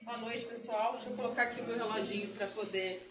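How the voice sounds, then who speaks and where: A talkative woman in her forties with a Carioca accent, giving a relaxed tech talk at a meetup. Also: fairly high pitch, fast talker, noisy background. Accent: Carioca Portuguese. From Rio de Janeiro, Brazil. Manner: chatty, talkative, laughs easily. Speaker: guest speaker. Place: event room at a meetup. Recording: roomy hall from a distant mic.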